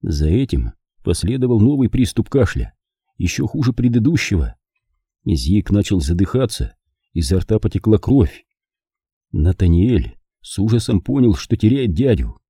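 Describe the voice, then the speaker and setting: A man narrating an audiobook as a measured, dramatic reading on a close studio mic. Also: on the low side, very animated, warm tone, husky, no echo. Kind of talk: scripted narration.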